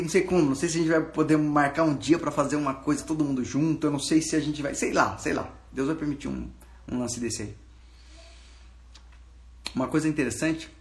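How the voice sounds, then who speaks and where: A man's voice: medium pitch, echoey room. A man with a Brazilian Portuguese accent, a pastor giving an informal sermon, preaching in a casual, slangy way and talking straight to his listeners.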